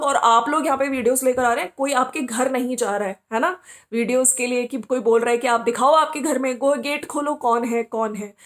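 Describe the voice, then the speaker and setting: Here a podcast host with a high female voice weighs in on online gossip, berating the subjects head-on and challenging them with rhetorical questions.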